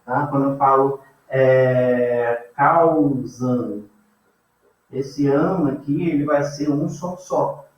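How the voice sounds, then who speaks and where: A man's voice: mid-range voice, little pitch movement, takes it slowly, few pauses, a little mellow. A Brazilian man teaching a grammar class in a casual way, often checking in with his students. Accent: Brazilian Portuguese. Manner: casual, checks in with frequent "tá?" and "beleza?". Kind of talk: informal classroom lecture. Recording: echoey room, distant mic, dull sound.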